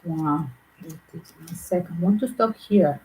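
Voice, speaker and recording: Chatting quickly in non-native English, a Southern European woman with a blended Greek and Yugoslav accent does a tarot reading. Her voice is on the low side and a little mellow, captured in a rough recording with slight background noise.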